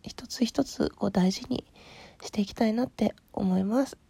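A woman with a husky, rough morning voice, hoarse from sleep, chatting casually and politely as a podcast host replying to listener letters, often trailing into soft murmurs. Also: mid-range voice, moderate pace, dry recording. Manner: polite, appreciative. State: hoarse from having just woken up.

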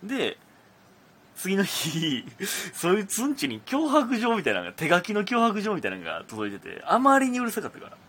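Young kansai guy rambling on his talk show, husky voice, swings up and down a lot. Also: sits high, normal speed. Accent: Kansai Japanese. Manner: rambling, many fillers, animated. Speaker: radio talk host, comedian. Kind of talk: casual solo chat.

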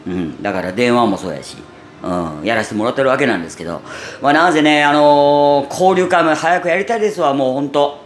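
A man with a gravelly voice and a Kansai Japanese accent, chatting casually and unaffectedly to listeners as a radio host. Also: mid-range voice, animated, fast. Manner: natural unaffected delivery, chatty, with frequent sentence-final "ne". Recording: roomy echo, faint background noise.

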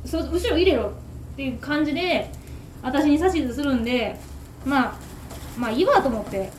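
A woman's voice: high-pitched, normal speed, a little hiss or hum. A woman with a Kansai accent, a takoyaki shop owner, telling a story in casual, exasperated chat. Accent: Kansai Japanese. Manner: animated, exasperated ranting. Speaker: takoyaki shop owner hosting a radio talk. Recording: roomy echo. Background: faint sizzle of takoyaki frying.

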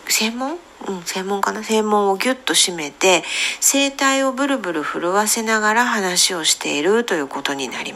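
A woman who coaches English pronunciation, talking on her own podcast in a gentle, explaining way with many fillers. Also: medium pitch, vocal fry. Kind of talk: solo podcast talk.

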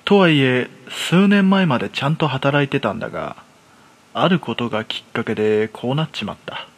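Speaking in rough, colloquial terms, a man portrays a jumpy, self-deprecating loner in his thirties telling a first-person horror story in a radio play. His mid-range voice moves at a moderate, animated pace, and the mood is wry and weary.

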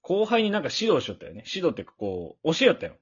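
A man's voice: on the high side, very fast, husky. A young man with a Fukuoka Hakata accent, joking and telling stories in a casual podcast chat. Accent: Hakata dialect of Fukuoka. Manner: joking, animated storytelling. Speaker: podcast co-host. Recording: dull lo-fi audio.

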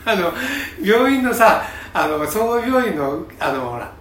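A man co-hosting a casual chat, affably chiming in with quick asides. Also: sits high, very animated, a bit bright, far from the mic. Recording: roomy and a bit off-mic, faint noise.

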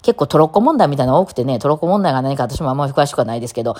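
A woman with a Kansai accent chats on her own talk show. Her voice sits low for a woman, yet it swings widely up and down. She rattles along quickly, rambling through fillers and small laughs. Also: animated, mellow. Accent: Kansai Japanese. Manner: chatty, rambling, laughs often, many fillers. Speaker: podcast host. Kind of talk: casual solo talk.

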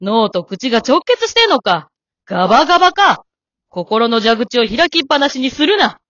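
A woman's voice: a little high, big pitch swings, normal speed, a bit bright, no echo. A woman voicing a stern, composed elderly wife in an amateur radio drama, polite and cool with a scolding edge. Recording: dull dry lo-fi recording.

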